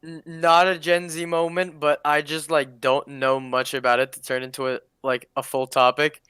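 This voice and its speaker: A man's voice: fairly high pitch, flat delivery, normal speed, sharp tone, smooth, no room sound, studio quality. A young man co-hosting a podcast, telling stories in casual chat with hesitant restarts. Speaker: podcast co-host.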